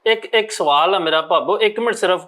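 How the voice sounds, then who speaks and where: A man's voice: high voice, brisk, a bit bright. A man, co-hosting and eagerly asking questions. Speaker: co-host. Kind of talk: comedic banter.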